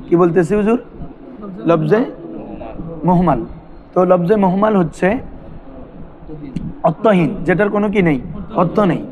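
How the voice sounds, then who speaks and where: A man's voice: sits high, muffled recording. A man teaching a classroom grammar lesson, asking his students questions and repeating terms for them to answer. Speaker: madrasa teacher.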